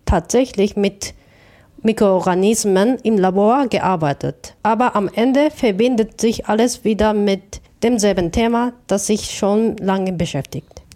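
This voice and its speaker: Artist woman from Japan, Japanese native speaker, warm mellow tone, measured and reflective, some self-corrections. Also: medium pitch. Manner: careful, thoughtful, with small restarts. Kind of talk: interview answers.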